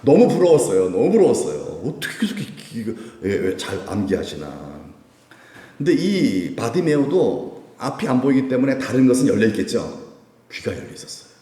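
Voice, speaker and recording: A man's voice: mid-range voice, moderate pace. Man preaching in an echoey church. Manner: lively, asks the congregation questions. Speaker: pastor. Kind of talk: sermon. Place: church sanctuary. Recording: echoey church hall, distant mic.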